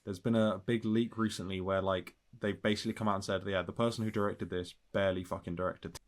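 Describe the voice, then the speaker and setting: A man chatting bluntly about films as a podcast co-host, swearing casually and trailing off quietly. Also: deep voice, fairly even intonation, fast talker. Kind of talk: casual film discussion.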